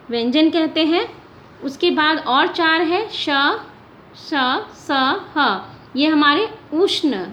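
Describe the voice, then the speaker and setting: A woman's voice: high-pitched, fairly bright tone. A woman teaching a grammar lesson for children, patiently sounding out each letter aloud. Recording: slightly dull lo-fi audio with faint hiss.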